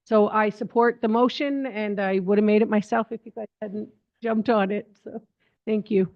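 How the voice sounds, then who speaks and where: A woman councillor speaks in a relaxed, unscripted way, circling back over her words as she goes. The recording is dull and lo-fi. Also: medium pitch, moderate pace. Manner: casual, repeats and restarts phrases. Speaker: council member. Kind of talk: informal remarks in a meeting.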